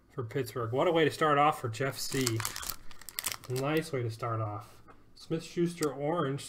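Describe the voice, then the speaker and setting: A man's voice: medium pitch, sharp tone. A man hosting a live sports card break, upbeat and joking as he calls out each card and who it goes to.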